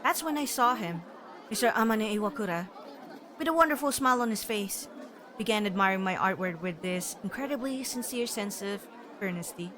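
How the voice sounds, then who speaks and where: Game sound and crowd noise fill this noisy stream as a woman reads a visual novel aloud and chats, reacting expressively with lots of laughter and exclamations. She speaks at a moderate pace in a medium pitch, over game audio and ambience.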